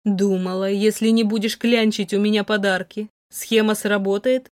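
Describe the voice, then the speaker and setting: A woman voicing a cold, contemptuous wealthy young man who drawls slowly and mockingly, recorded dry. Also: medium pitch, flat delivery, no echo, close to an everyday voice. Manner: slow, mocking, icy drawl.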